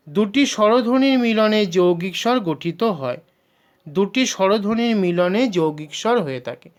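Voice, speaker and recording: A man's voice: high voice, smooth. A male teacher giving a patient grammar lesson. He drags out sounds as he demonstrates them, mixes English words into his speech and speaks of himself as "sir". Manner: patient explanatory, drawn-out sounds.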